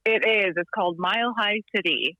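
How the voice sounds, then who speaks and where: A woman in her thirties from Texas, calling in from her home in Littleton, Colorado, chats casually as a podcast guest, laughing and saying um often. Her mid-range voice is brisk and sharp-toned with no echo, coming through a remote call-in line as dull, dry audio.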